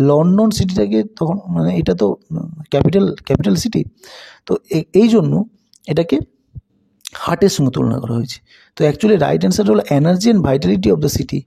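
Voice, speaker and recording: গভীর খসখসে স্বরের শিক্ষক. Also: male voice, fairly high pitch, gravelly, dark tone, slightly rough. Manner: reads English question slowly, explains in Bengali. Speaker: teacher. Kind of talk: exam prep lesson.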